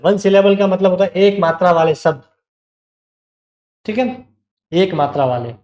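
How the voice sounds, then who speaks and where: A man's voice: sits high, a little mellow, roomy sound. A male teacher giving an online exam-prep grammar lesson, explaining step by step, repeating key words and asking the class questions.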